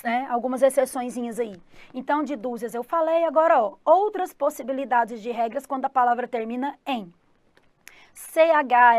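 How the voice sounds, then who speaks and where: A Brazilian woman with a fairly high voice teaches an exam-prep English lesson. She is upbeat and keeps checking in with her listeners. The sound is dry and close, with no room echo. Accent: Brazilian Portuguese. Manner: calls herself 'the teacher' in third person.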